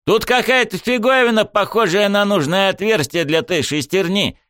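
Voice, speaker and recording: A man doing a high, eager young gamer buddy. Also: normal speed, fairly bright tone, clean tone, dry recording, clean studio sound. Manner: eager, slangy. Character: excitable young male gamer sidekick, careless.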